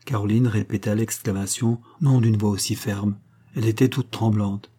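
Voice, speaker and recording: A man reading a novel aloud as audiobook narrator, in a measured, steady manner. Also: on the low side, breathy edge. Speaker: audiobook reader. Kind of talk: scripted narration.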